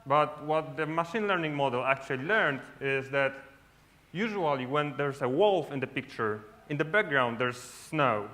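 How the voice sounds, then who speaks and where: Speaking at a moderate pace in a fairly high, expressive voice that sounds pushed and bright, a Polish man gives a casual talk on a large lit conference stage. Polish is his first language, and he keeps tagging sentences with "right?".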